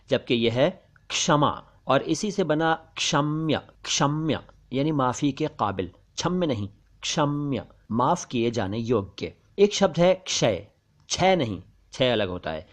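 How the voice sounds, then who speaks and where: A man gives a pronunciation lesson in a measured, mid-pitched voice. He says each word with deliberate care and repeats it, setting wrong and right sounds side by side. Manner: careful, deliberate enunciation, repeating words slowly; contrasts wrong and right sounds, stressing syllables. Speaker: language teacher.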